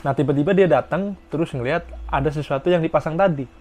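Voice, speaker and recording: A man's voice: fairly high pitch, quick pace, darkish tone. A young man from Indonesia who works in Japan, telling stories to his viewers in a casual vlog. He repeats points for emphasis. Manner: repetitive, emphatic storytelling addressed to viewers. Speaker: vlogger working in Japan.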